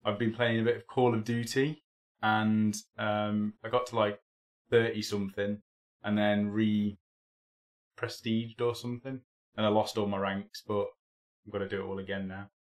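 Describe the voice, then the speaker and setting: In a fairly low voice with little pitch movement, a young male streamer talks unhurriedly through his hobby broadcast. The chat is casual and meandering, peppered with ums and restarts, and he still sounds a bit tired from a cold.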